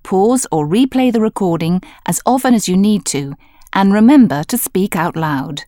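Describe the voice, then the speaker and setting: A woman giving scripted instructional narration for a language course, explaining in a clear, measured manner. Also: medium pitch, animated, warm tone, no room sound, studio quality.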